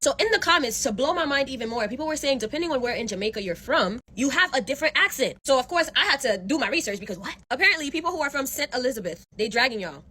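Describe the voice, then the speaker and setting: A woman's voice: sits high, slightly rough. A woman hosting a reaction video, talking casually and playfully and laughing often. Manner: animated, playful, quick to laugh.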